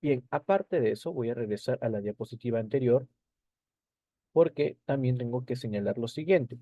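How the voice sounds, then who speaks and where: A man's voice: medium pitch, lively intonation, normal speed, no echo, highs cut off. A male teacher explaining a lesson over slides, repeating key points and checking in with short tag questions.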